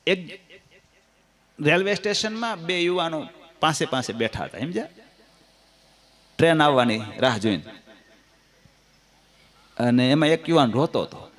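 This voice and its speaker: A man with a Gujarati accent giving a devotional scripture discourse, telling stories and folk anecdotes in a lively, sing-song way. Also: fairly high pitch, measured pace, pauses often. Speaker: katha storyteller.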